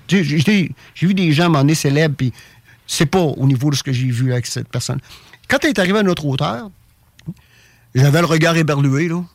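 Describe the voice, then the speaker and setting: Gravelly Québécois man telling a story. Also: fairly high pitch, dry recording. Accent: Québécois French. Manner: animated, repeats words, many fillers. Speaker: guest telling an experience. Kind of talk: casual storytelling.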